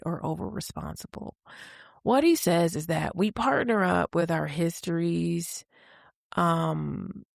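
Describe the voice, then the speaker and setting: A woman's voice: fairly low pitch, vocal fry, a little mellow, no room sound, clean studio sound. A woman hosting a solo advice podcast, talking candidly and conversationally with a touch of sarcasm. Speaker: podcast host and coach.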